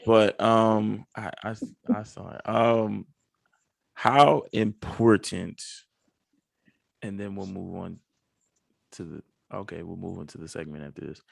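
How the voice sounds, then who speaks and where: A man hosting a podcast speaks hesitantly and politely, hedging as he goes. His very deep voice is heavily gravelly and husky. The sound is dry. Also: no echo. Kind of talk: casual podcast chat.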